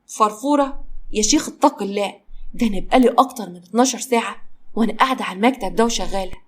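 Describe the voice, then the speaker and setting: A woman's voice: medium pitch, racing, natural voice. A woman voicing a worn-out, theatrical young female office worker who complains dramatically, with an Egyptian accent. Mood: complaining.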